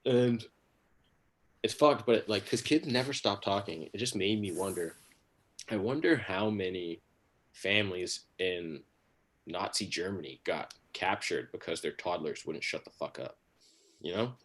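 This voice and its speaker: Man from jamaica, stand-up comedian, low voice, rambling delivery, crude jokes, livestream set from home. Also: a little slow, fairly bright tone, breathy edge.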